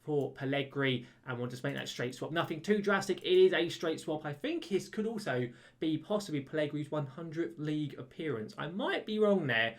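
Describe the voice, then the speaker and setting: Man, slightly high voice, casual game commentary, chatty and excitable. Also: brisk. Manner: chatty, excitable about goals, casual British slang. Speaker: gaming YouTuber. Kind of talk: let's-play commentary.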